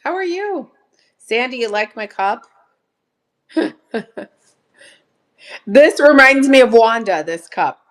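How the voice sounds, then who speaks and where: A slightly hoarse woman hosts a live sale stream, chatting casually, greeting viewers by name, and laughing often. Her voice sits on the high side with lively intonation, and she speaks slowly with long pauses.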